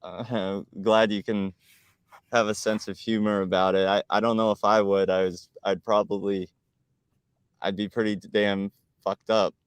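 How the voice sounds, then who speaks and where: A man with a low, smooth and resonant voice talks on a casual live stream. He is talkative and argumentative, and he laughs often. The sound is dry and close. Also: level tone, normal speed, no room sound.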